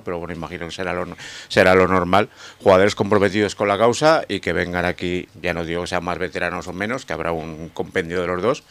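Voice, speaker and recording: A man's voice: deep voice, fairly bright tone. A man in a casual sports radio debate, giving firm, emphatic opinions.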